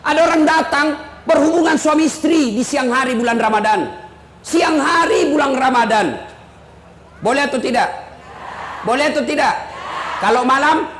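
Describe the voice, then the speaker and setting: A male preacher giving a joking, emphatic sermon to an audience in a large hall, sometimes shouting. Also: very high voice, moderate pace, pauses often. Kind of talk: humorous sermon. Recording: echoey hall, faint noise.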